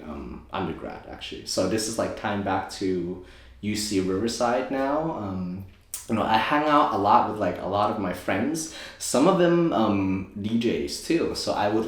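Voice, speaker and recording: A deep-voiced young man from Thailand, a native Thai speaker, rambles through his story as an interview guest. He keeps adding fillers and correcting himself, and his voice rings around a very echoey room. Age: 20s. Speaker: guest, optometrist and DJ.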